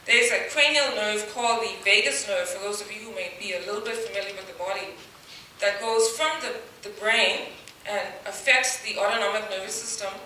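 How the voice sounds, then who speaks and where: Bright-voiced woman speaking in an echoey hall. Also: medium pitch, fairly quick, far from the mic, a little hiss or hum. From Bahamas. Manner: earnest, many "um" fillers, stressing key words. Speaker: dentist giving a talk. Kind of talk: public presentation. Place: large hall, voice heard from afar.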